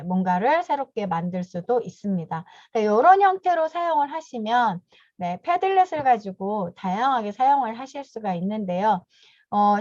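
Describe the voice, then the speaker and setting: Through a video call mic, with dull, dry audio and no room sound, a woman in her fifties walks teachers through an online training step by step. Her voice is a little high with a darkish tone, and she courteously dots her phrases with a short affirming "yes".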